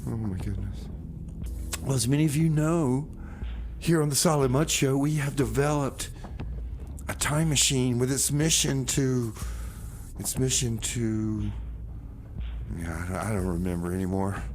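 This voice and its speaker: A man with a mid-range, slightly slow, darkish voice hosts a community radio music show, rambling casually with comic banter. He repeats phrases and drops "man" here and there. Noticeable background noise and ambience fill the recording.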